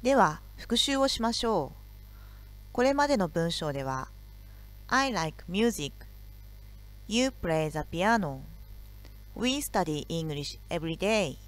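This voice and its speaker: A woman teacher giving a recorded video lesson, explaining grammar slowly and carefully. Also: lowish voice, big pitch swings.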